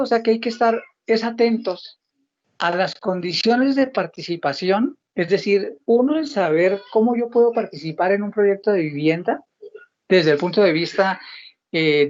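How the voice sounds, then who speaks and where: A government housing ministry official gives an explanatory talk on housing programs, teaching in a didactic way by posing questions and then answering them. The voice is mid-range and a little mellow, at a moderate pace, and the audio is dull.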